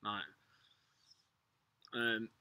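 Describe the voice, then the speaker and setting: A man's voice: fairly low pitch, little pitch movement, drawn-out words, sharp tone, no room sound, studio quality. A British man chatting casually as a livestream host, with a laid-back, slangy, sweary stoner way of talking. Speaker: livestream host answering viewers. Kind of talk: casual rambling chat.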